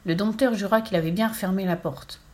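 A woman narrating a children's storybook aloud in a steady, clear storytelling voice. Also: mid-range voice, a little fast. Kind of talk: storybook reading.

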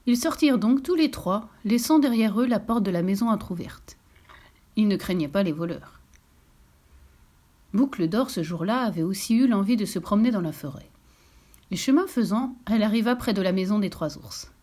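A woman's voice: medium pitch, animated, moderate pace, mellow. A woman narrating a children's storybook expressively, sometimes dropping to a whisper.

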